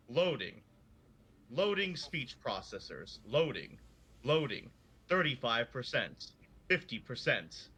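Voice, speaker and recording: A glitchy, stiff robot a man puts on with a flat, mechanical robot voice that drones out readouts slowly and evenly. The tone is bright and sharp, clipped like a machine running diagnostics. It stays monotone, with almost no human warmth. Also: medium pitch, breathy edge, full character voice.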